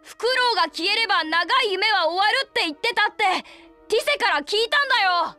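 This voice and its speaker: A woman voicing an eager, loud, friendly village youngster in a video game, with boisterous, boyish casual speech. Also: extremely high pitch, lively intonation, a little fast, faint music behind, exaggerated voice. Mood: earnest. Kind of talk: video game character acting.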